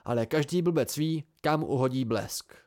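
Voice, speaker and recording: A man's voice: medium pitch, a little mellow, close to an everyday voice. A man reading an amateur audiobook, voicing a dry-witted seasoned man who lectures his younger friends wryly. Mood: lecturing.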